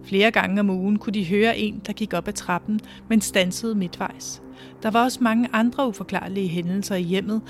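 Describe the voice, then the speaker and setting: An interviewer who asks questions in a calm, measured way and also reads a short passage of narration. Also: mid-range voice, faint music behind. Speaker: interviewer and reader. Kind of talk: conversational questions and read narration.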